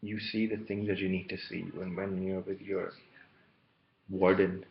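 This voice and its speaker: A man's voice: deep voice, little pitch movement, a little slow. A man talking to camera in a rambling solo monologue, wandering from one topic to the next, on a muffled lo-fi recording with faint hiss. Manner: meandering, jumping between topics. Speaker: vlogger.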